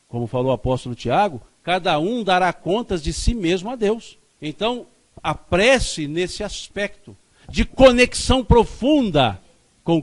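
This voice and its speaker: Animated high-voiced male lecturer. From Minas Gerais, Brazil. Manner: emphatic, repeats key phrases. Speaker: spiritist lecturer. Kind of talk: spiritist lecture. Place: spiritist center lecture hall.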